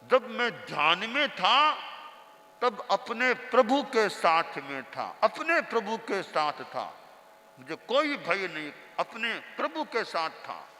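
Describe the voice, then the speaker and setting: A monk doing a serene old guru. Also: male voice, sits high, very animated, takes it slowly, pushed and bright, long reverb tail, full character voice. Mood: gentle. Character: old male guru, serene yet fussy.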